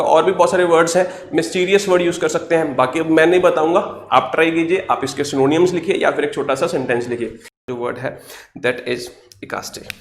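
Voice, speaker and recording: A man's voice: on the high side, echoey room, slight background noise. A man teaching an online English vocabulary class, explaining words patiently and asking and answering his own questions.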